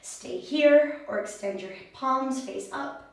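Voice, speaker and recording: A woman teaching a yoga class, giving step-by-step pose instructions in a calm, soothing, encouraging way. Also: high-pitched, slow. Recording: very echoey room, far mic, faint noise.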